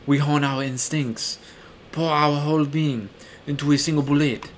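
A man's voice: a little high, steady tone, moderate pace, a little hiss or hum, natural voice. A man reading a brooding young sharpshooter's lines from a video game in his own plain voice.

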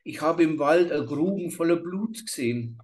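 A small, timid peasant girl lost in a dark forest, her voice lifted high and thin, as a man reading a fairy tale puts her on. She pleads anxiously in a trembling tone. It has the feel of a storybook reading. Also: animated, moderate pace, close to an everyday voice. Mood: frightened pleading.

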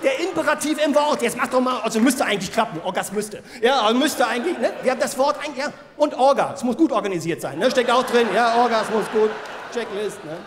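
Very high-voiced man doing stand-up. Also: quick pace. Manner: mock-lecturing, teases audience members by name. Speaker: stand-up comedian. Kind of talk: stand-up routine in a teacher persona. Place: outdoor arena stage. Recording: live hall with crowd and music. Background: audience laughter and music.

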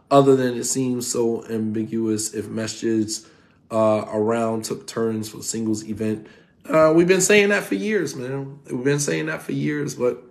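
An Islamic teacher in his forties gives an online class indoors from a home room, speaking straight into a phone camera at his desk. His voice is fairly high for a man and creaky, and his casual, animated delivery drives points home through repetition.

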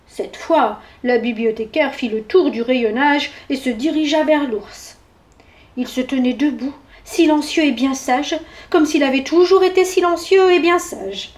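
A woman from France reads a children's picture book aloud for a library audience. Her voice is high and clear, and she narrates gently and expressively. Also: unhurried. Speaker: children's story reader at a library. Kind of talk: storybook read-aloud for children.

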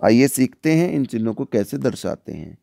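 A male teacher explaining a worksheet to children, often putting questions to the class and slowing down for examples. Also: mid-range voice, big pitch swings, vocal fry, warm tone. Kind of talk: online worksheet lesson for children.

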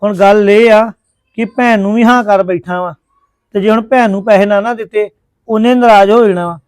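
A man's voice: sits high, steady tone, fairly quick, darkish tone, clean tone, dry recording. A man acting a placating brother-in-law in a family drama. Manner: placating, apologetic.

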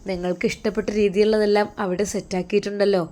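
A woman's voice: medium pitch, little pitch movement, rapid-fire, mellow, lightly acted. Motherly older lady, coaxing and bossy, malabar malayalam accent, narrator puts her on.

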